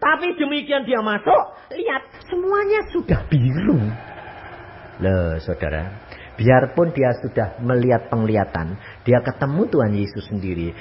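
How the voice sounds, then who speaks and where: An older man preaching a sermon, telling stories, jumping from loud high exclamations to low quiet asides. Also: huge pitch swings, normal speed, a little hiss or hum. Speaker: pastor. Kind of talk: sermon with storytelling. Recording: muffled lo-fi recording.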